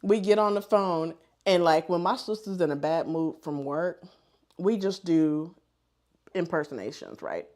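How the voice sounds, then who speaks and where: A woman hosting a livestream in casual chat, an animated storyteller who laughs a lot. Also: on the low side, measured pace. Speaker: livestream host.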